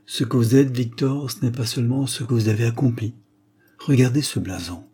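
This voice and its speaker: A man's voice: medium pitch, normal speed, warm tone, breathy edge, close to an everyday voice. A man voicing a stern, proud aristocratic father, an aging marquis, in an audiobook, solemn and insistent.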